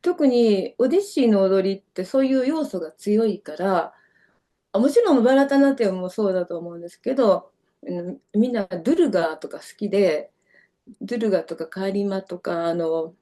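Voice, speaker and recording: This Kyoto-born dancer, a middle-aged woman with a Kansai accent, talks briskly at a medium pitch, her intonation lively and her tone dark. As a guest in a relaxed interview, she rambles through lengthy, filler-heavy anecdotes.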